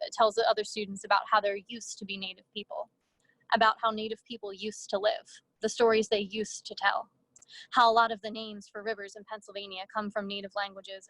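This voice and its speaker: A woman reads her own first-person story at a literary event, at an even middle pitch. Her delivery is measured and she drops in brief casual asides. The sound is dry and close. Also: no room sound. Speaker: author reading her own fiction. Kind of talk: literary reading.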